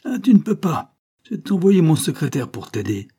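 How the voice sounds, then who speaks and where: A man's voice: mid-range voice, moderate pace, mellow, breathy edge, pitched above the performer's own voice, natural voice. A man voicing a brutal, bullying male fairground acrobat master who barks sneering orders. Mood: sneering, furious.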